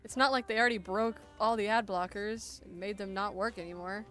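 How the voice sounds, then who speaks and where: Streaming a Q&A from her home desk mic, a twenty-something artist fields viewer questions in a casual, playful, self-deprecating way. Her mid-range voice is bright and forceful, fairly quick with fairly even intonation, a bit congested, and faint music plays in the background.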